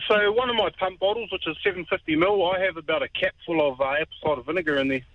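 A man's voice: sits high, very fast, no room sound. A man chatting casually as a radio caller over a dull phone line. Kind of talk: casual chat.

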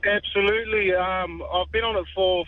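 A man's voice: sits high, fairly even intonation, normal speed, no room sound. A man chatting casually as a radio caller over a dull phone line. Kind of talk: casual chat.

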